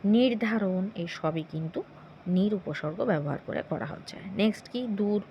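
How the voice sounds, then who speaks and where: A woman's voice: mid-range voice, moderate pace, dull audio, slight background noise. A woman teacher giving an exam-prep grammar lesson, reading out long lists of words one by one and asking herself a short question before each list.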